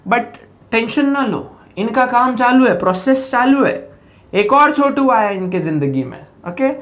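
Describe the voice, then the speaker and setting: A man giving a live online chemistry lecture. He keeps asking students questions and makes up joking memory tricks. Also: high voice. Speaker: chemistry teacher. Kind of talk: live online lecture mixing Hindi and English.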